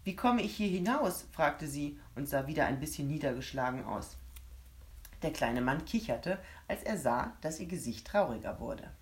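Brief: low-pitched woman, steady audiobook narrator for a children's tale. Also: moderate pace. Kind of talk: scripted narration of a children's story.

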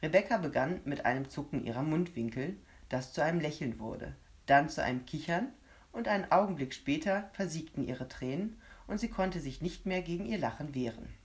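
A woman narrating a children's story in steady storytelling. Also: sits low, normal speed. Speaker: audiobook narrator.

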